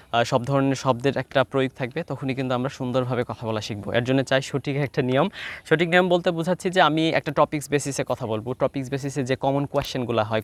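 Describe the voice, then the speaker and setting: A man with a Bangladeshi accent teaching spoken English in an informal lesson, mixing English and Bengali and drilling practice questions slowly, again and again. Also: mid-range voice. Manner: mixes English and Bengali, fillers and restarts.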